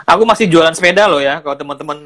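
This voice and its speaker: A man from Indonesia hosting a casual chat, teasing his guest with easy, relaxed remarks. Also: a little high, very fast, crowd noise. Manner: teasing, laid-back interjections. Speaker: host.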